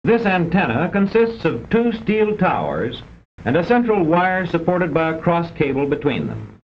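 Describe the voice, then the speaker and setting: This male narrator's pitch swings hugely while he reads a little slowly, giving formal, precise, didactic narration for an old educational film. The soundtrack is vintage, dull and marked by a rumble.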